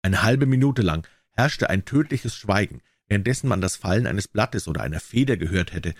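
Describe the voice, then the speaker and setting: A man's voice: fairly low pitch, lively intonation, fairly quick, no room sound, studio quality. A man reading a classic short story aloud, telling it expressively. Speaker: reader.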